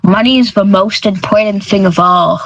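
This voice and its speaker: A woman's voice: medium pitch, moderate pace, fairly bright tone, no echo, poor audio. A woman voicing a greedy little male merchant who cares only about money. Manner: insistent, preachy about money.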